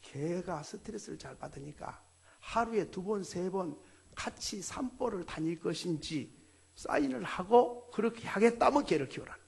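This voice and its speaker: Male pastor, animated sermon delivery, husky tone. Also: high-pitched, normal speed. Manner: animated preaching with acted dialogue.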